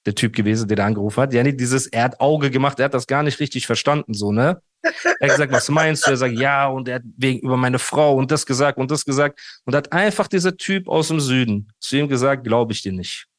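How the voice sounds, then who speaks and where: A man with a medium-pitched voice talks fast, recorded dry and in studio quality. He's a guest in a casual interview, telling a long, animated story, acting out other people's quoted dialogue and often saying "Bruder."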